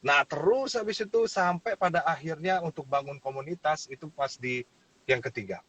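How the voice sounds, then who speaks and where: Husky lively man telling a story. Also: fairly high pitch, normal speed, low-quality recording. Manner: animated storyteller, laughs and acts out quotes. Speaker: pastor. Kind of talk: casual testimony in a talk show.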